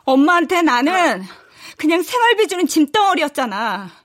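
A stubborn woman of 37, high and lively. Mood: bitter. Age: 30s. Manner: defiant, quick to shout. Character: unemployed single woman, 37, fiercely stubborn. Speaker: lead character. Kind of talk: television drama acting.

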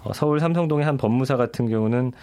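A man's voice: mid-range voice, fast talker, dark tone. A man in his thirties, a guest on a radio show, explaining things conversationally with many fillers. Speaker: guest commentator.

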